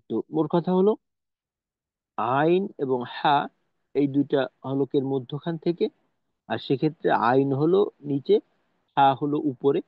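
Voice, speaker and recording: A man's voice: fairly high pitch, no echo. Man teaching over a tinny line. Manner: patient, explanatory, demonstrates sounds. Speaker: Quran recitation teacher. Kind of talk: online tajweed lesson. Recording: dry, tinny phone-like audio.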